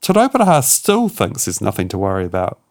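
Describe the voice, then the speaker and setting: Low-voiced New narrator. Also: male voice, wildly swooping pitch, no echo, clean studio sound. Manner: measured, dramatic storytelling. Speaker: documentary narrator and host. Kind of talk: scripted documentary narration. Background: soft music.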